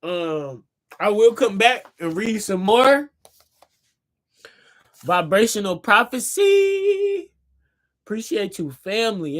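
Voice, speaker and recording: A man with a high-pitched voice reads from his own book on a casual livestream, sounding tired. He speaks loosely, repeats himself and asks his viewers to say words back to him. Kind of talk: casual livestream reading with asides. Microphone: phone or computer mic on a livestream.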